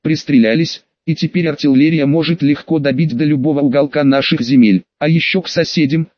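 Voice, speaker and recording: A man's voice: a little high, fairly even intonation, a little fast, no echo. A man steadily narrating a first-person fantasy audiobook in a matter-of-fact way, in a dull, slightly lo-fi recording.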